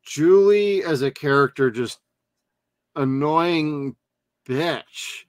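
A man's voice: fairly high pitch, very slow, clear, resonant tone, no echo. A man co-hosting a casual film review chat, blunt and profane, often mimicking characters mockingly. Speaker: podcast co-host.

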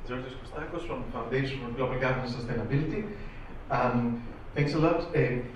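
A man's voice: mid-range voice, fairly quick, a little hiss or hum. Greek man asking a question, echoey hall. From Greece. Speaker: audience member asking a question. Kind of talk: audience comment at a panel. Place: conference room. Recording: very echoey room, distant mic.

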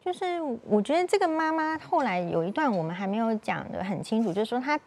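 A woman's voice: a little high, very animated, fast, darkish tone. A woman doctor with a Taiwanese Mandarin accent, giving thoughtful commentary on a talk show. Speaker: doctor guest.

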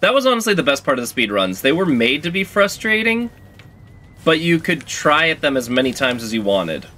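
A man's voice: on the high side, very animated, a little fast, sharp tone. A man streaming a video game, talking casually through his play with sudden frustrated outbursts and self-mocking jokes. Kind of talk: casual gameplay commentary.

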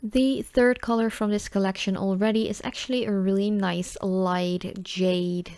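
This nail polish reviewer is a woman, a native Dutch speaker with a Dutch accent, who talks about the product in a chatty, informal manner. Her voice is mid-range, level and a little mellow, and she speaks a little slowly.

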